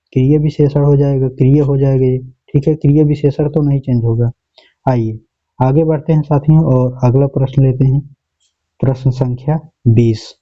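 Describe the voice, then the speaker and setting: A male teacher working through an exam paper step by step, often repeating answers and checking in with the class. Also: medium pitch. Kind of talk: exam paper walkthrough lesson. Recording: dull lo-fi recording.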